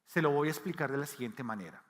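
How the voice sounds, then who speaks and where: A man's voice: medium pitch, animated, fast talker. A man from Latin America preaching a sermon in a church hall, talking conversationally and asking the congregation questions. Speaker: pastor. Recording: long hall reverb.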